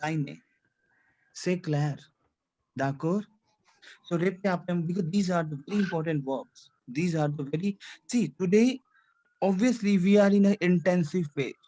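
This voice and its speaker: A French teacher leading an online class in English peppered with French phrases, often repeating words and asking whether everything is clear. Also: medium pitch, moderate pace, dark tone. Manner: repeats phrases, checks understanding with "C'est clair? D'accord?"; mixes English with French phrases and a little Hindi.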